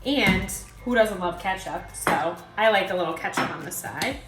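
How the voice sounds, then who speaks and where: A woman's voice: fairly low pitch, expressive, normal speed. A woman joining a cooking show as a guest, cheerfully commenting while she tastes the food. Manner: cheerful, playful tasting comments. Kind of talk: casual cooking demonstration. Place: kitchen. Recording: echoey room, background music.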